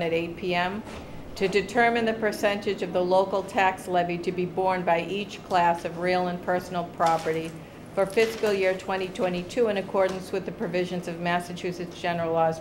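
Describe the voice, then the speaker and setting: A woman chairing a town board meeting, reading a public notice into the record in a brisk, friendly way, recorded in a meeting room. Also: lowish voice. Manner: brisk, friendly, reads formally. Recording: roomy hall with steady noise.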